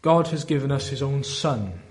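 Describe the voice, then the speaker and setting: A man with a Welsh Valleys accent preaching a sermon in an earnest, deliberate way, often posing rhetorical questions. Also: mid-range voice, animated, darkish tone. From South Wales valleys.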